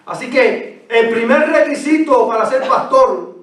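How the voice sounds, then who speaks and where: A man with a high voice preaches with passion, piling up his points in repeated lists. His voice rings through a very echoey church, and he sounds some distance from the microphone. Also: expressive, a little slow, fairly bright tone. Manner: impassioned, builds repeated lists. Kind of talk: sermon. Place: church sanctuary. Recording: very echoey church, far from mic.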